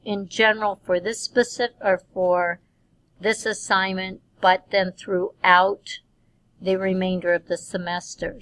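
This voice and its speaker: A middle-aged woman instructor giving recorded feedback on a business writing course, measured and dotted with ums. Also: lowish voice, fairly bright tone, no room sound, poor audio. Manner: measured, with frequent um fillers.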